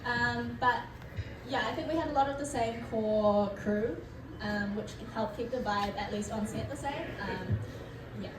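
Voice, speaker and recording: A woman's voice: on the high side, unhurried. Chatty young New Zealand woman. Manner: chatty, many fillers. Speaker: panel guest actor. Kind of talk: casual chat. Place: convention panel room. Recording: echoey hall from far off, noisy.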